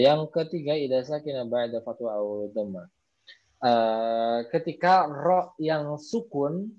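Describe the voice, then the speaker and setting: A man teaching Quran recitation in an online class, casually explaining and repeating words aloud to model their pronunciation. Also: mid-range voice. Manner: loose explaining with frequent fillers. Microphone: video call. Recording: muffled video call audio.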